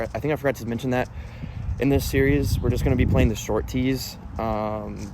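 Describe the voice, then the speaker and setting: A man with a blocked nose from allergies, breathing through his mouth and giving casual commentary on his own game as he plays outdoors. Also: mid-range voice. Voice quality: congested, stuffy-nosed sound. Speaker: disc golf player filming his round. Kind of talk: casual self-commentary while playing. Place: outdoors on a disc golf course. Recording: noisy outdoor recording with traffic ambience.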